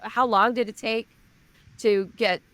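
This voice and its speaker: A woman's voice: on the high side, steady tone, takes it slowly, fairly bright tone, no echo. A woman hosting a podcast, chatty and enthusiastic, asking long, rambling questions. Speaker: podcast host. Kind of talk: casual interview chat.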